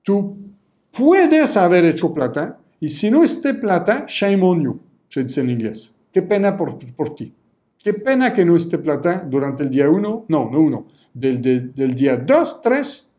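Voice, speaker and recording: Course instructor, male, animated, high-pitched, warm mellow tone, repetitive, plays both sides of customer chats. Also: unhurried. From Canada. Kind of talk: energetic sales lesson.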